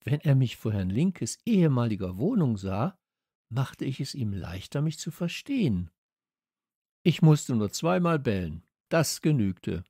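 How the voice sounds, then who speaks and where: A man reading a children's audiobook as a first-person narrator, with expressive storytelling. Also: medium pitch, a little slow, slightly rough, no room sound, clean studio sound. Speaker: audiobook reader. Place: studio.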